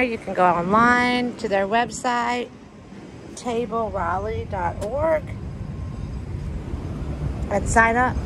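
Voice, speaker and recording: A woman's voice: lowish voice, vocal fry, background noise. A woman casually vlogging with an upbeat, recommending manner, talking outdoors on a city street. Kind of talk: casual voice-over vlog.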